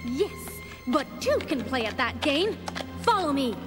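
Brave confident lady mouse in a cartoon, really high voice, loud music under it. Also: very animated, a little slow. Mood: eager, confident. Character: plucky, confident female mouse adventurer. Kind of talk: cartoon voice acting.

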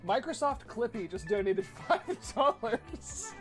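A man's voice: very high voice, animated, a little slow, over music. A man hosts a charity game livestream, chatting casually with friends. He giggles, teases and narrates the game aloud as he plays. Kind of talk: casual chat while gaming.

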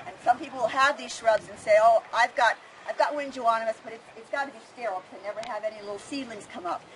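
A middle-aged woman, a plant educator leading a walking tour, gives a fast, informal demonstration talk in an open grassy park in a slightly high voice. Outdoor ambient noise is clearly audible in this rough recording.

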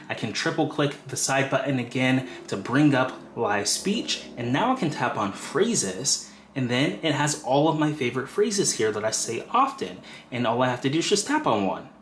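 A tech tutorial presenter casually walks through a phone setup step by step in a screen-recorded how-to, using fillers like "you know." His medium-pitched voice is a bit bright, and the recording has a roomy echo.

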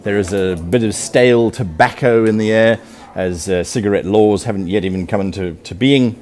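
A man's voice: on the low side, normal speed, a little mellow. A man narrating a live tabletop game as game master, storytelling theatrically at a convention session.

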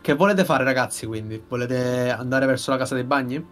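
A young man narrating a tabletop game as game master, halting as he searches for words. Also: medium pitch, soft background music. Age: young adult. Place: indoor room, online group stream.

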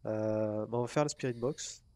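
A man's voice: on the low side, moderate pace, darkish tone, smooth, no room sound. A man giving casual commentary while playing a ghost-hunting game, talking to himself and calling out to the ghost. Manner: chatty, talks to himself and to the ghost, swears casually. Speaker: gamer. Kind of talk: casual let's-play commentary.

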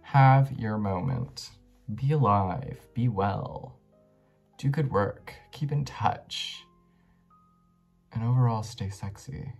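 A man's voice: on the low side, takes it slowly, long pauses, breathy edge, faint music behind. A tipsy young man chatting casually to the camera in a loose, rambling, effusive way. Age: young adult. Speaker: book reviewer vlogger. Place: small bedroom indoors.

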